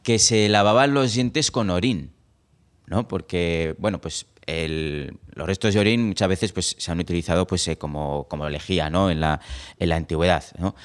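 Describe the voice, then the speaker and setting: A man's voice: low voice, normal speed, clean tone. A man co-hosting a podcast, speaking hesitantly with many fillers and tag questions. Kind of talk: casual podcast chat.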